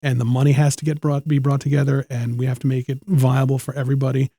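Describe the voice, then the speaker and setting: A man guest in a casual interview, telling animated anecdotes with lots of restarts and little acted-out quotes. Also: mid-range voice, fast talker, slightly rough, no room sound. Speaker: guest, noh theatre performer.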